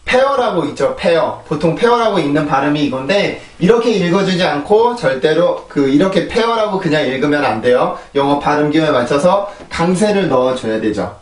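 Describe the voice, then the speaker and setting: A man's voice: on the high side, expressive, fairly quick, few pauses. A man teaching English pronunciation, explaining patiently, repeating words in drills and checking in with his listeners. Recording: echoey room, mic at a distance.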